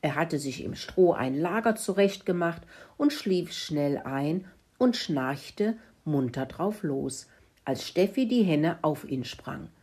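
A woman reading a children's animal story aloud in an expressive way. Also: sits low, takes it slowly, breathy edge.

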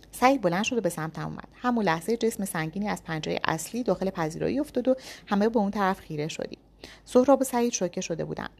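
Give me a woman narrating a first-person thriller with tense drama in her reading. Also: mid-range voice.

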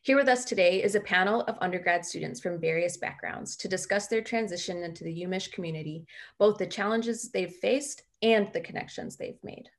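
A woman hosting, reading a scripted introduction in a measured way. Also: on the low side. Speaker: podcast host.

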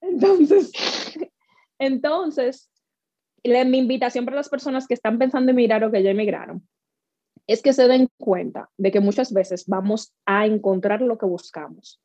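This woman, a speaker and workshop leader from the Dominican Republic, speaks with a Dominican accent as an interview guest, animatedly recounting stories and acting out quoted lines. Her voice is fairly high and dark in tone at a moderate pace. The dry recording sounds slightly dull.

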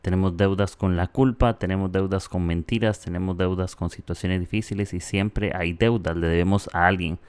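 A Costa Rican man in his thirties hosting his own podcast, talking in a relaxed, chatty way with frequent "eh" fillers. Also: sits low, normal speed, hardly any pauses, clean tone, no echo. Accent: Costa Rican Spanish. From Costa Rica. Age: 30s. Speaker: podcast host. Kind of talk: casual reflective podcast monologue.

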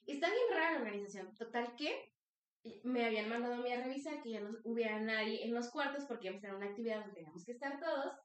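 Animated Mexican woman telling a story. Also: on the high side, rapid-fire. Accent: Mexican Spanish. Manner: animated, acts out voices, frequent "te lo juro". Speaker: podcast co-host. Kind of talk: casual storytelling chat. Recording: roomy, distant mic.

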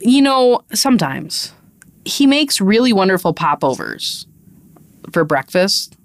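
A woman's voice: mid-range voice, very animated, slow pace, no echo. A woman co-hosting a podcast, chatting casually and laughing often as she tells stories about her young daughter. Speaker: podcast co-host. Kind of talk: casual chat.

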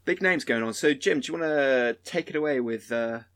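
A man hosting a film podcast in a relaxed, joking way, with frequent fillers and restarts. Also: medium pitch, fairly quick. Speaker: podcast host. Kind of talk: casual podcast chat.

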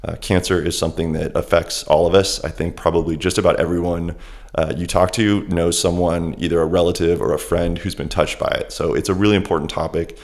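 Male podcast host, deep register, casual unscripted solo intro, slightly halting delivery. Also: steady tone, darkish tone.

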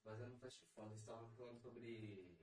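A man's voice: medium pitch, fairly even intonation, fast talker, darkish tone. A man, the show's director, chatting casually and hesitating as he searches for words. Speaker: show director. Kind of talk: casual chat. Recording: echoey room.

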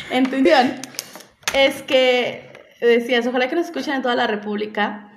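A woman's voice: high voice, sing-song, measured pace, slight background noise. Woman with a San Luis Potosí accent in a roomy space. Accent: San Luis Potosí Mexican Spanish. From San Luis Potosí, Mexico. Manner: talkative, laughs easily. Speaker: podcast co-host. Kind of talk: casual podcast chat. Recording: roomy echoey recording.

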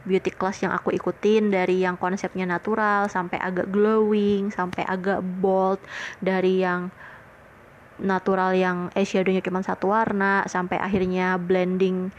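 A woman's voice: medium pitch, flat delivery, measured pace, dull audio, slight background noise. Chatty young woman telling a story. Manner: chatty, leans on frequent fillers and retells conversations; earnest and grateful. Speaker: podcast host. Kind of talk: casual personal storytelling.

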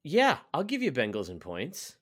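A man's voice: medium pitch, huge pitch swings, normal speed, a bit bright. A man co-hosting a casual sports podcast, rambling and full of "like" fillers. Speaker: podcast co-host.

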